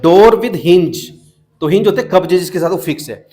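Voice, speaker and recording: High-voiced man teaching a classroom. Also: moderate pace, a little mellow, soft background music. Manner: questioning, coaxing students to answer. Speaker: school math teacher. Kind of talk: classroom teaching, mixing Hindi and English.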